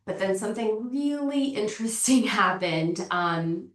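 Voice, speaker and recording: A woman's voice: medium pitch, lively intonation, a little slow. A woman who is a marketing professor, giving an informal online lecture while nasal from a cold. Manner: informal and chatty. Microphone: video call. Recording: echoey, distant from the mic.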